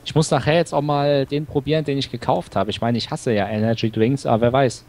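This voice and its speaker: A man's voice: medium pitch, steady tone, quick pace, darkish tone. A man co-hosting a casual let's-play, cracking dry jokes and thinking aloud about his game choices. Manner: dry joking, talks through game choices. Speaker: gaming co-host.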